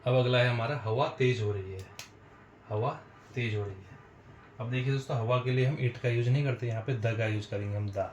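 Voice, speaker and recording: A man teaching a spoken English lesson, explaining patiently and repeating phrases slowly for his viewers. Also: mid-range voice, echoey room, lo-fi sound, slight background noise. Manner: slow, repetitive explaining, addresses viewers as friends.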